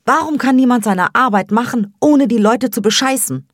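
Eine Frau, die eine erschöpfte, verbitterte ältere Schwester spricht, gepresst und schimpfend. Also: female voice, extremely low pitch, expressive, normal speed, darkish tone, breathy edge, dry recording, clean studio sound, exaggerated voice. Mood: bitter ranting. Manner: bitter, pressed. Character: angry exhausted woman, older sister.

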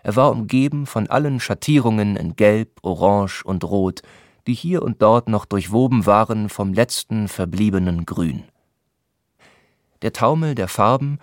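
A man calmly reading a literary novel aloud in a measured, descriptive way. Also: lowish voice, dry recording, clean studio sound. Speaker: audiobook narrator. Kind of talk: scripted literary narration.

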